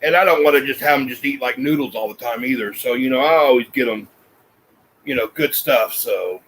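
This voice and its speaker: A man's voice: mid-range voice, brisk, fairly bright tone, husky, rough recording. A man, chatting casually and folksily as a family vlog host. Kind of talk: casual chat.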